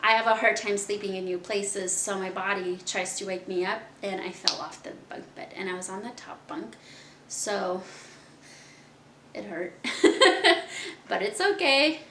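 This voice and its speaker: A woman's voice: medium pitch, a little slow, bright, forceful tone, a little hiss or hum. A young woman from Kazakhstan hosting her own podcast, telling her life story in a chatty, candid way and laughing often. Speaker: podcast host. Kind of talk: casual personal storytelling. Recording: echoey room.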